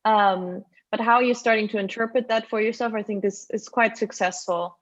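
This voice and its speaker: A woman's voice: fairly high pitch, steady tone, moderate pace, dull audio. Hesitant German-accented woman critic. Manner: hesitant, many restarts and fillers. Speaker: guest critic. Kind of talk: online design review critique. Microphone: video call.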